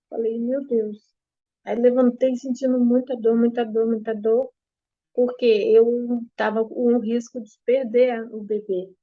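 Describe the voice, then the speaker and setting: A young adult woman with a Brazilian Portuguese accent gives an emotional personal testimony, repeating herself with halting pauses, at home. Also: fairly high pitch, dry recording. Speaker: interviewee giving testimony. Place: apartment at home. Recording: slightly dull lo-fi, dry.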